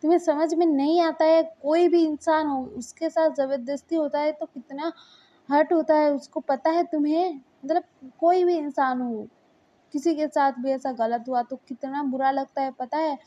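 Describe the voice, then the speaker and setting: A woman's voice: sits high, steady tone, normal speed, warm tone, pitched above the performer's own voice, lightly acted. A woman voicing a stern mother who lectures and reproaches her son, in a muffled lo-fi recording. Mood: scolding.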